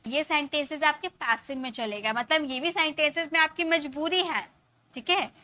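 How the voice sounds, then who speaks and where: A young Indian woman teaching a live spoken-English class, explaining in Hindi and slowly spelling out English example sentences. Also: high voice, pushed and bright.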